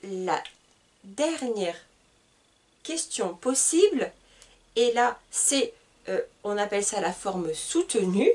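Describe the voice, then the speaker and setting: A woman from France teaching a beginner French lesson, speaking slowly and deliberately and repeating each example question. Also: medium pitch, animated, a little mellow, far from the mic. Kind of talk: slow, deliberate language lesson.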